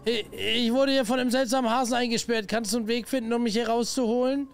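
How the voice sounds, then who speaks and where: A man's voice: very high-pitched, steady tone, fast talker, slight background noise, pitched above the performer's own voice. A man doing a desperate trapped man.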